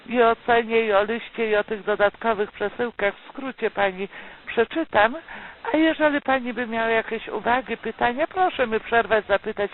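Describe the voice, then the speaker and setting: A woman working as a telemarketer, delivering a polite, persuasive, partly scripted sales pitch and checking often for agreement. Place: recorded phone call. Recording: tinny phone line with loud noise.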